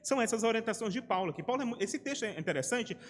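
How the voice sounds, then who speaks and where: A Brazilian pastor from Ceará with a high voice preaches to his church, chatty and storytelling, slipping into little acted-out exchanges. His voice rings with the long reverb of a church sanctuary. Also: lively intonation, rapid-fire. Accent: Brazilian Portuguese, Ceará. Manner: conversational preaching, acting out little dialogues. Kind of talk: sermon.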